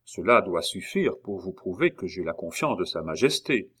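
Guy doing a sarcastic fed-up envoy, lowish voice, audiobook reading. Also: very animated, normal speed, fairly bright tone, slightly rough, heavily acted. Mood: exasperated. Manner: sarcastic, exasperated. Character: impatient sharp-tongued male royal jester-envoy.

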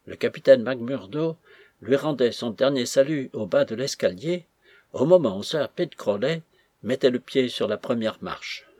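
A man narrating a classic novel as an audiobook in a steady, measured voice. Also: mid-range voice, breathy edge, no room sound, studio quality. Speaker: audiobook reader.

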